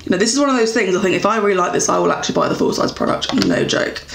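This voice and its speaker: A woman's voice: medium pitch, racing, vocal fry, noisy background. A young English woman chatting casually while reviewing beauty products, with lots of fillers and self-corrections. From England. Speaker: beauty vlogger. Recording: echoey room.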